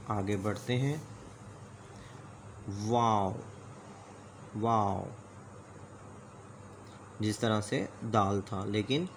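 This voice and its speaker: A man's voice: fairly low pitch, a little hiss or hum. A man teaching the letters of a script, speaking patiently and politely and sounding out each letter aloud for the learner to repeat. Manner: says "ji janab" often, polite. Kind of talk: slow alphabet lesson.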